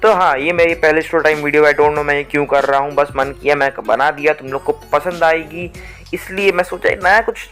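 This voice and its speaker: A man's voice: fairly high pitch, fairly quick, soft background music. A young man from India casually telling a school story, rambling with restarts and acting out his teachers. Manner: rambling, animated, restarts often, acts out teachers. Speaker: storytime vlogger.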